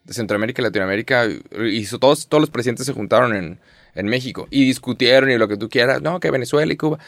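A young Mexican man in casual chat, animated and rambling, sprinkling in slang and swearing. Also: mid-range voice, quick pace, no echo, clean studio sound. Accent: Mexican Spanish.

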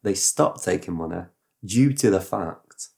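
A man retelling a story in casual podcast chat, animated and rambling, with sound effects. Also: low voice, a little slow, gravelly. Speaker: podcast host.

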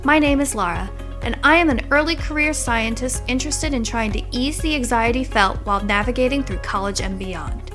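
A woman host, an early career scientist, reading a scripted podcast introduction in a clear, even way. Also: on the high side, brisk, faint music behind.

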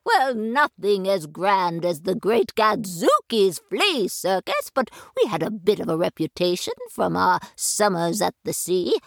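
A woman's voice: mid-range voice, big pitch swings, a little slow, creaky, few pauses, fairly bright tone, no echo, clean studio sound, full character voice. A woman playing a prim, genteel older lady with a circus past, speaking in an old-fashioned, fond manner. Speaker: show regular.

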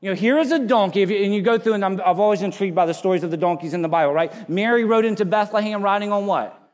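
A man with a notably high speaking voice preaches to his congregation. His words ring out through a church sanctuary with a long reverberant tail. He leans on dramatic pauses and drops suddenly to a hush. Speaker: pastor. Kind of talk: sermon.

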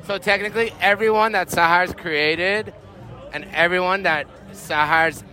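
A man's voice: high-pitched, fairly even intonation, a little slow. A young man giving a teasing, boastful birthday toast to a friend outside a club. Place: outdoors at a night club event. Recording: noisy club crowd outdoors. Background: loud music and crowd.

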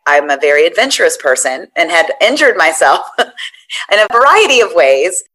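A woman in her forties, a podcast guest telling her story in a chatty, animated way. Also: on the low side, normal speed, poor audio. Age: 40s. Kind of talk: conversational interview.

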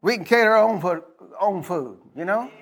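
A husky, notably high-pitched middle-aged American man preaches with lively intonation at a moderate pace. As a pastor, he keeps the sermon folksy and conversational, repeating lines and calling on listeners to respond.

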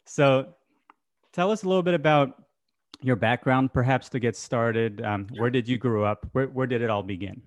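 A man hosting a podcast interview, asking friendly, unhurried questions with some fillers. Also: medium pitch, dry recording, clean studio sound. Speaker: podcast host.

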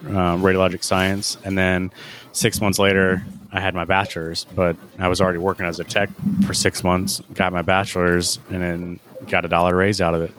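A man who works as a radiologic technologist, telling his career story in a relaxed, casual podcast chat. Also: deep voice, moderate pace, slight background noise.

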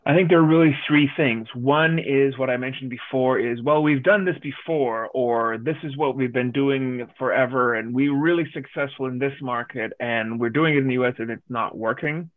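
A man's voice: mid-range voice, moderate pace, hardly any pauses, no room sound. Danish-raised man, direct, on a tinny line. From Denmark. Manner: direct, emphatic, lists points. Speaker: guest, business advisor. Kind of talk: interview answers.

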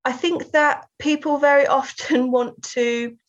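Her high voice stays fairly even and unhurried as she talks in a reflective interview. She's an English artist and writer with a Southern English accent, appearing as a guest, who laughs often and restarts her sentences, recorded in slightly dull lo-fi sound.

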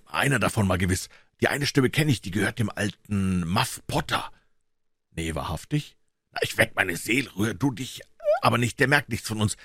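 Audiobook boy: superstitious, trembling with fear, whispering low, read by a man. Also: animated, normal speed, a bit bright, husky, no room sound, studio quality, full character voice. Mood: fearful. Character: superstitious, fearful ragged boy. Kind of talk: audiobook character voice.

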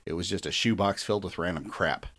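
A man's voice: deep voice, fast, fairly bright tone. A man hosting a podcast, chatting casually and loosely about a movie, swearing and laughing often. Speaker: podcast host. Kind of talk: casual movie review chat.

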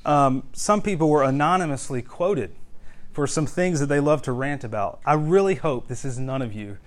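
A man's voice: a little high, normal speed. A young man preaching a sermon in a conversational way, with humor and frequent word restarts. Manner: conversational, self-deprecating humor, repeats words when restarting.

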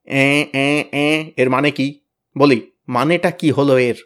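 A man voicing a bossy, blustering teenage boy who leads his gang, loud, threatening and boastful. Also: on the high side, moderate pace, natural voice. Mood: bullying. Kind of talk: storybook reading.

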